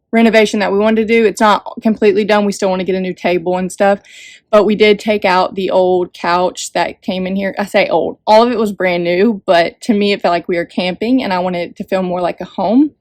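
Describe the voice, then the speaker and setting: A woman's voice: mid-range voice, fairly even intonation, normal speed, darkish tone, no echo. A young woman talks to her family vlog audience from the living area of an RV. She chats loosely, with fillers and little laughs along the way. Her voice sits mid-range, and the sound is dry and close. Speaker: family vlogger host. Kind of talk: casual vlog chat. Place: RV living room.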